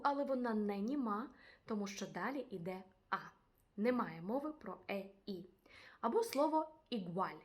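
A woman with a Ukrainian accent teaching a language lesson, patiently saying each example word twice. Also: mid-range voice. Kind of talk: video lesson.

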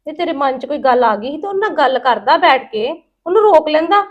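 A woman acting as an aunt in a scripted family drama, scolding and emotional, her voice rising loud when upset. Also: sits high, lively intonation, fast talker, highs cut off.

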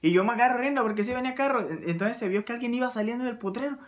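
A man with a Mexican accent telling a comic anecdote in a crude, slangy, animated way. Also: very high-pitched, rapid-fire. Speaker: storyteller.

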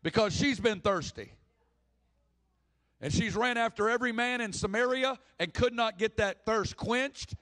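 A man preaches with fervor, his voice sitting high for a man. He acts out the people in the story as he tells it, swinging between speeches and quick asides. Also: a bit bright. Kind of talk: sermon.

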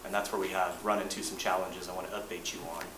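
A man, an engineering manager, presenting updates to a board in a measured, plain-spoken way, often restarting his sentences. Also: low voice, level tone. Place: boardroom meeting. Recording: roomy distant mic, noisy meeting room.

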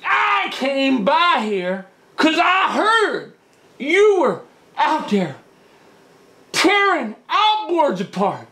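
A squeaky gravelly blustering fisherman. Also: huge pitch swings, sharp tone, a little hiss or hum, heavily acted. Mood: threatening. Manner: squeaky, drawn-out hollering with cracking voice. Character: boastful backwoods fisherman man, blustering and threatening. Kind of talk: comic character skit.

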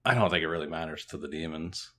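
Man co-host, very low voice, relaxed dry commentary. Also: fast. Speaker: podcast co-host. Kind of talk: casual chat recapping a TV episode.

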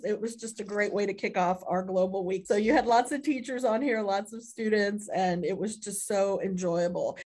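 A woman's voice: mid-range voice, moderate pace, few pauses, darkish tone. Appreciative woman on a video call.

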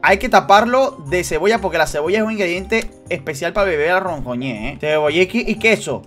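A man commentating a horror game for his viewers, joking and teasing, dropping to hushed suspense and then bursting into shrieks. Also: high voice, animated, fast, faint music behind. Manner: swings between hushed suspense and sudden loud shrieks. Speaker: gaming youtuber. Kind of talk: excited let's-play commentary.

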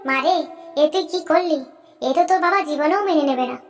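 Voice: very high voice, brisk, over music. A performer voicing a cautious, worried middle-aged mother in a cartoon, warning and sorrowful. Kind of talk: cartoon voice acting.

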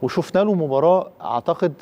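Brisk Egyptian TV sports host man. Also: a little high, expressive, mellow, muffled recording. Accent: Egyptian Arabic. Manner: drawn-out filler pauses between phrases. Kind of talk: TV sports talk show.

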